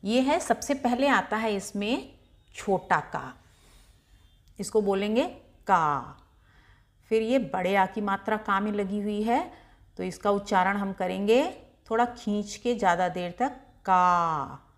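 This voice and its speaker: Woman, children's teacher; slow, careful, clearly spoken syllables. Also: medium pitch. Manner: slow, carefully drawn-out syllables for pupils to repeat. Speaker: Hindi teacher.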